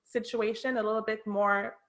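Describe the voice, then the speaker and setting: Higher-voiced woman with a French Canadian accent. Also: little pitch movement, moderate pace, fairly bright tone. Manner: chatty, often checks in with "right?". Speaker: real estate agent, interview guest. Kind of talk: conversational interview, explaining her process.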